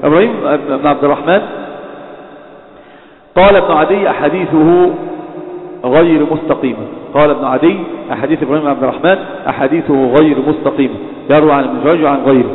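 A man's voice: a little high, quick pace, pauses often. A man gives a religious lecture on hadith criticism, often hesitating and correcting himself. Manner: frequent hesitations and self-corrections. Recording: echoey hall over a tinny phone-like line.

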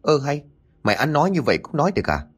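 A man voicing a sharp-tongued middle-aged mother who scolds. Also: a little high, very animated, very fast, breathy edge. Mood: scolding.

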